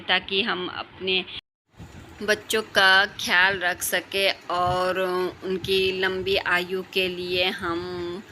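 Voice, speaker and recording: A woman with a hoarse, tired voice, calmly explaining her day in a home vlog with frequent pauses. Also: mid-range voice, a little hiss or hum. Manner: calm, explanatory, with pauses and fillers. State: hoarse throat. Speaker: vlogger mother. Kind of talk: casual home vlog narration.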